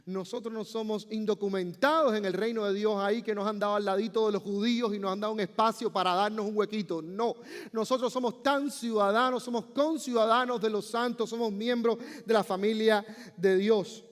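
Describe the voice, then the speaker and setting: A male pastor preaching a sermon, building from calm explanation to emphatic, slowed outbursts. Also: high-pitched. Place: church sanctuary. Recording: long church reverb.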